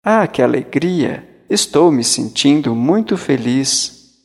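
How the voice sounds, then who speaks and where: A man's voice: mid-range voice, expressive, slow, gravelly, darkish tone, husky, big-room sound, exaggerated voice. A man voicing a cheerful, oblivious father who exclaims gladly. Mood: joyful.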